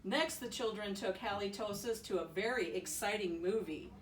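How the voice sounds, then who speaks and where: A woman reading a children's bedtime story aloud in an expressive, playful way. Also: mid-range voice, normal speed. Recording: roomy, distant mic with faint noise.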